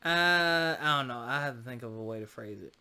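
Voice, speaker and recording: A man's voice: medium pitch, a little fast, sharp tone, clean tone. A man hosting a podcast in casual chat, laid-back and slangy with a teasing streak. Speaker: podcast host.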